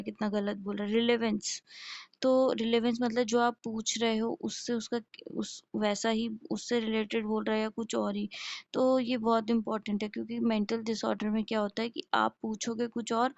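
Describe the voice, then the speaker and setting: A woman's voice: fairly high pitch, gravelly, no room sound. A woman nursing lecturer giving a classroom lecture, explaining step by step, posing questions and answering them herself, and checking in with her listeners. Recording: dull lo-fi recording.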